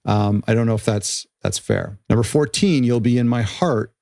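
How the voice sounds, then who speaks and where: Gravelly-voiced man rambling through a reaction. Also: mid-range voice, normal speed, dark tone, no room sound, studio quality. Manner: rambling, frequent restarts and self-corrections. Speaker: music reaction channel host. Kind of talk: casual reaction commentary.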